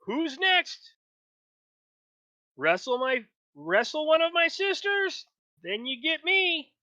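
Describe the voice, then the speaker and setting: Man putting on a loud, cocky female orc. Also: sits high, big pitch swings, slow pace, no echo, dull audio, pitched above the performer's own voice, full character voice. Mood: boastful. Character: boastful female orc wrestler.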